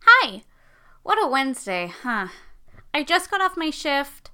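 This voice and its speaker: An actress in her twenties voices a sarcastic young waitress who dreams of music, talking through an audio drama monologue. Her voice sits high and sounds bright and crisp. She keeps a dry, wry edge on everything she says. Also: big pitch swings, unhurried, exaggerated voice. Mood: sardonic. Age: 20s. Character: sardonic young woman, struggling musician and waitress. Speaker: monologue narrator.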